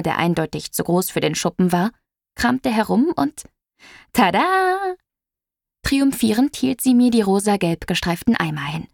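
A woman reading an audiobook story aloud with lively storytelling. Her mid-pitched voice has a gravelly edge, and the recording is dry and close. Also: no room sound. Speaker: audiobook reader. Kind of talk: scripted audiobook narration.

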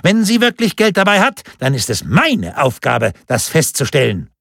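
A man's voice: wildly swooping pitch, normal speed, creaky, a bit bright, no room sound, studio quality, full character voice. A man voicing a scrawny, quarrelsome town bailiff who squawks and scolds. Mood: shrill indignant. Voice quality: shrill, squawking. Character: shrill, petty, spiteful male town bailiff.

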